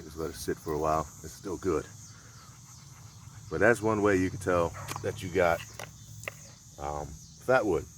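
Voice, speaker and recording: Man with a low voice, easygoing survival demo outside, faint crickets behind. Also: a little hiss or hum. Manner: laid-back, rambling, folksy. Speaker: survival vlogger. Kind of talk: casual outdoor demonstration. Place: outdoors in a rural area.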